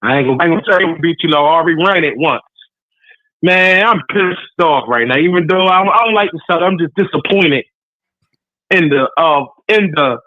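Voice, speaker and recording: A man's voice: fairly high pitch, expressive, fairly quick, no echo. A man calling in to a sports talk show, fired up and needling, his voice choppy and glitching robotically as the call breaks up. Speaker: call-in listener. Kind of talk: casual sports trash talk. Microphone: phone. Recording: muffled breaking-up phone line.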